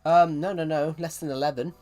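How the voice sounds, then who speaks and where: With a fairly high, steady, slightly mellow voice and a pace a little on the quick side, a young man with a Southwest English accent chats while streaming a game. He rambles, restarts often, and reads out chat messages. Behind him are faint music and keyboard typing.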